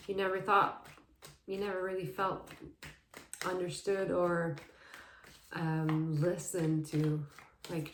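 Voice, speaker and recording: A woman giving a casual, meandering tarot reading, soft and dreamy, often laughing. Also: on the low side, echoey room, slight background noise. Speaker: tarot reader.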